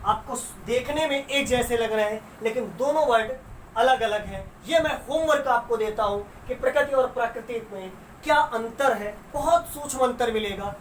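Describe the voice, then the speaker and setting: Woman teacher, bit high voice, echoey room and mic kinda far off. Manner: asks students questions and answers them herself, calls them "beta". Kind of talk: classroom lesson. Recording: roomy sound with faint noise, away from the mic.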